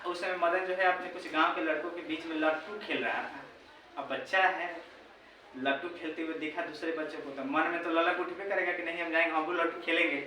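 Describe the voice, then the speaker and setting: Echoey teacher with a bright high voice. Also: male voice, level tone, brisk. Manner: chatty, repeats himself, keeps checking in with listeners. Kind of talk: retelling a story for students. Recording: very echoey room, voice far from mic, faint background noise.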